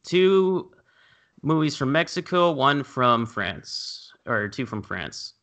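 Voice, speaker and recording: A man co-hosting a casual podcast, relaxed and loosely searching for words as he describes films. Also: mid-range voice, slow pace. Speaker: podcast co-host. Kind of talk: casual chat.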